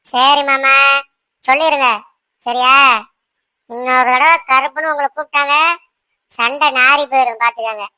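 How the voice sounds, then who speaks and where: A woman's voice: high-pitched, fairly even intonation, moderate pace, pauses often, sharp tone, clean tone, no room sound. A woman voicing a proud, stubborn young wife in a cartoon who lectures her husband and keeps asking "right?". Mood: insistent. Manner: insistent, lecturing, repeats "சரியா?". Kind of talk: cartoon voice acting.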